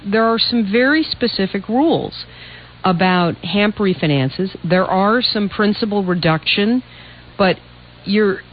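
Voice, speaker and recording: Direct female radio host, slightly dull audio. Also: medium pitch. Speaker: radio call-in host, financial adviser. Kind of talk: conversational advice on live radio.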